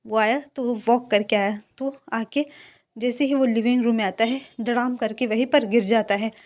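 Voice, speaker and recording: A woman retells a fan story in a loose, conversational way, filling her sentences with little fillers. Her voice sits a bit high for a woman. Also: steady tone, moderate pace, a little mellow. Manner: chatty, filler-heavy retelling. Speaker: fan fiction narrator. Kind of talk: casual story narration.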